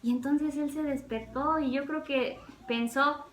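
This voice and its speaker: A woman teaching a children's Sunday school lesson, telling the story in a friendly way and asking the listener questions. Her voice sits fairly high. The sound is roomy, with a faint hum behind it. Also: fairly even intonation, unhurried.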